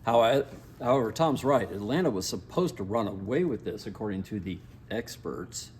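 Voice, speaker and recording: A man co-hosting a casual football chat, relaxed and matter-of-fact with a wry edge. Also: on the low side, moderate pace, slight background noise. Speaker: co-host.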